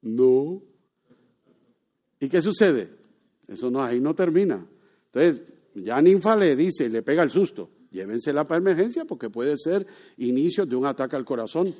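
A pastor preaching a sermon built on personal stories. He talks casually and asks the congregation questions, then turns loud and emphatic when he drives his point home. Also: fairly high pitch, lively intonation, moderate pace.

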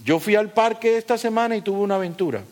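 A middle-aged man preaching a sermon, emphatic, asking the congregation rhetorical questions and dropping from loud high points to low asides. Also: fast talker. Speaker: pastor.

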